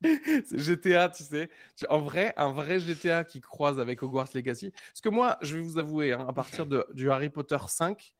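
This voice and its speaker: A man's voice: on the high side, animated, normal speed, few pauses, no room sound, clean studio sound. A man co-hosting a podcast in casual chat, rambling through stories and dropping to a mumble at phrase ends. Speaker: podcast co-host.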